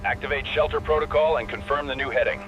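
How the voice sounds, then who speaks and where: A man's voice: on the high side, steady tone, fast, highs cut off. Man on a noisy marine radio. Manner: clipped radio protocol. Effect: marine radio transmission. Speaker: port control radio operator.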